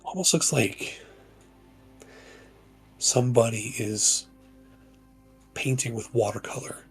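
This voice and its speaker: A man narrating a tabletop game as game master, in slow, measured descriptive narration over faint music. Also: mid-range voice, husky.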